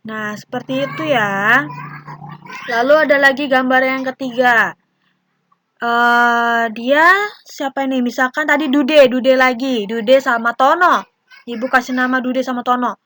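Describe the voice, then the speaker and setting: A woman's voice: high voice, steady tone, a little slow, sharp tone. A young woman teacher with an Indonesian accent, patiently explaining a lesson to young children and acting out short example dialogues.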